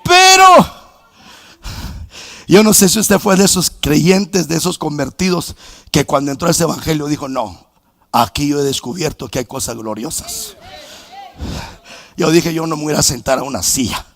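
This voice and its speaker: Gravelly pastor preaching. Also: male voice, on the high side, normal speed, long pauses, no echo. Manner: animated testimony with quoted dialogue, bursts of shouting. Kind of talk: sermon. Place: church sanctuary.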